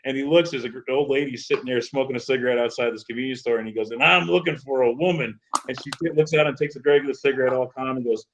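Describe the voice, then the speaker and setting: A man's voice: medium pitch, quick pace. A man telling rambling stories and laughing in a casual chat. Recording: dull lo-fi sound.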